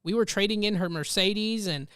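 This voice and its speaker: A man co-hosting a casual business podcast, telling a story in a lively way, acting out what people said and swearing freely. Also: high voice, normal speed, smooth, no room sound, studio quality. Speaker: podcast co-host. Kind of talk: casual chat.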